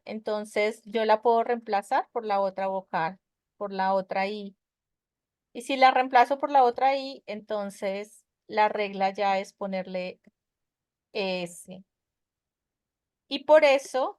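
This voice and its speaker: This medium-pitched woman's voice has a clean tone, studio quality, and no echo. She gives an online English grammar lesson by web conference, explaining patiently in steps and regularly asking questions to make sure her students keep up.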